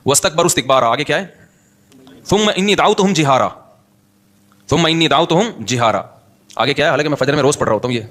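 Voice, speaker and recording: A male preacher with a fairly high voice, giving a sermon. He talks in a lively, conversational way, dropping in English words and chanting Quran verses in Arabic. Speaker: Islamic preacher.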